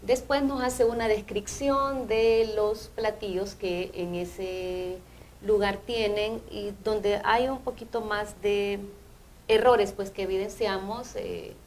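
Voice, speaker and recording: A woman's voice: medium pitch, steady tone, darkish tone, a little hiss or hum, low-quality recording. Woman teacher explaining grammar. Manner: measured, explanatory, often asks "¿verdad?". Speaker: language teacher. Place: TV studio.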